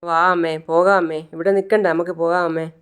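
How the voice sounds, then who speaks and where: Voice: medium pitch, little pitch movement, brisk, smooth, close to an everyday voice. A narrator voicing an angry, stubborn young husband, blunt and commanding, in a retold TV serial. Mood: anxious urging.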